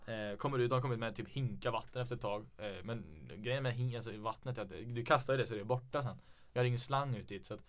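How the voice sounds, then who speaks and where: A man's voice: medium pitch, few pauses, fairly bright tone. A young man hosting a podcast in a casual chat, telling stories laid-back and swearing freely. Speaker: podcast host.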